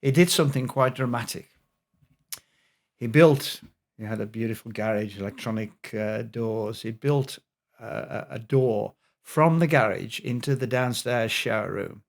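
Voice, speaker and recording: Middle-aged guy with some fry in his voice, chatty podcast guest telling a true story. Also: medium pitch, a little slow. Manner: animated anecdotal storyteller. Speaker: guest health expert.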